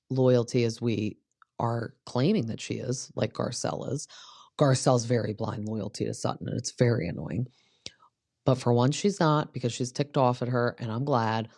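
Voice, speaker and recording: A woman's voice: a bass voice, a little mellow, no echo, studio quality. Chatty woman recapping reality TV. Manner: chatty and opinionated, full of "like" fillers. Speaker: podcast host.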